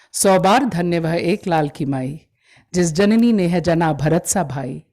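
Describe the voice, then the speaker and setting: A woman at a live gallery event, chatting briefly and then reciting a long poem in a measured way that swells with emotion. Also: on the low side, darkish tone. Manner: mixes Hindi and English, measured, swells with emotion in the verse. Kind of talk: live poetry recitation with chat. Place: exhibition event in a gallery hall.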